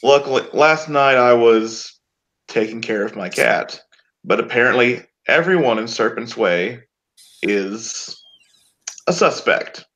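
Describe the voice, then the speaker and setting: A man's voice: mid-range voice, fairly bright tone. A man voicing a laid-back young man in a tabletop game, a loyal friend who talks casually and says dude a lot. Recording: dull lo-fi audio.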